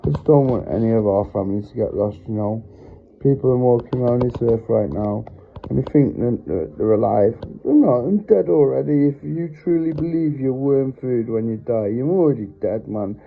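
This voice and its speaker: A man's voice: fairly low pitch, vocal fry. A middle-aged man giving an earnest, rambling preaching monologue into his phone, heartfelt and often stopping to apologize. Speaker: religious vlogger. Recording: tinny phone-line sound.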